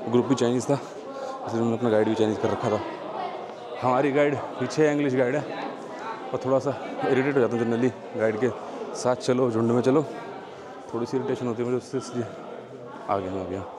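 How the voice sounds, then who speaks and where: A man's voice: mid-range voice, steady tone, quick pace, long pauses. Chatty man vlogging in a crowded cave. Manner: chatty, points things out to the viewer. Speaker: travel vlogger. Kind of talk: casual walking travel vlog. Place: inside a busy tourist cave. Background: crowd of tourists.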